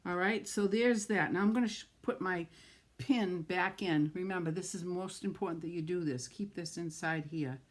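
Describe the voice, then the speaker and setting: Her voice sits on the low side and moves at a moderate pace. She's a middle-aged woman with a New England accent who gushes and chats through a live card-making demonstration, calling out viewers by name.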